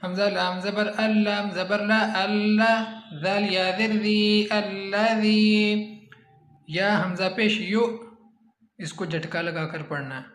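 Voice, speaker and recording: A man teaching Quran recitation, spelling out Arabic words letter by letter and chanting the recited words slowly. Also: high-pitched, steady tone, fairly bright tone, reverberant, soft background music. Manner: slow, drawn-out chanting when reciting.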